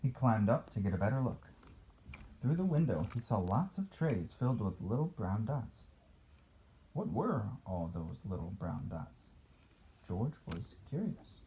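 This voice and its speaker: A man with a dark, relaxed voice reads a children's storybook aloud. He is playful and conversational, slipping into casual asides and questions for a young listener. The sound is a little dull and lo-fi. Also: fairly low pitch, measured pace. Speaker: father reading a picture book aloud to a child.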